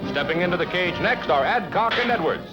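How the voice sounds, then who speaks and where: Lively high-voiced old newsreel narrator, man. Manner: brisk, punchy announcer delivery. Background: loud music.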